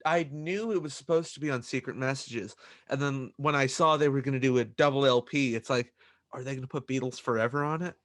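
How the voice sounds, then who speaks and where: A young adult man co-hosting a casual music podcast, talking in a relaxed, conversational way and often stumbling at the start of his sentences. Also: medium pitch, a little fast. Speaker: podcast co-host. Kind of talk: casual chat.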